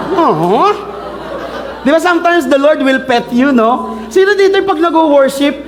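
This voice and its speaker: A man with a Filipino accent, preaching a playful sermon, teasing and quizzing his congregation as he mixes in English phrases. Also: very high voice. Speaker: pastor.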